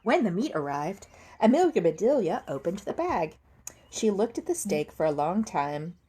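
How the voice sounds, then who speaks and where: A woman reading a children's story aloud in an expressive storytelling style. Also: on the low side, moderate pace, husky. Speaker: storybook reader.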